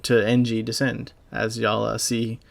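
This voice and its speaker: A young man giving a halting, casual voice-over over gameplay, full of fillers and swearing, as a clan leader recalling a friend. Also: mid-range voice, completely flat delivery, vocal fry. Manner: halting, rambling, heavy with fillers; casual and profane. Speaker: gaming YouTuber and clan leader.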